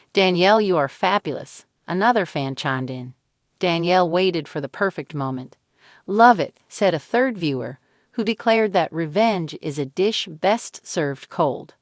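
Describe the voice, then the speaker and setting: A woman narrating a scripted entertainment news piece in an even read-aloud delivery. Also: lowish voice, dry recording, clean studio sound.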